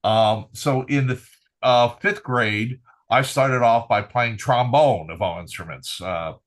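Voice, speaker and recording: This retired military trumpeter from Finland speaks slowly in a mid-range voice while telling stories on a laid-back podcast. He's an older man who wanders from point to point, cheerful throughout and leaning on lots of "uh" fillers.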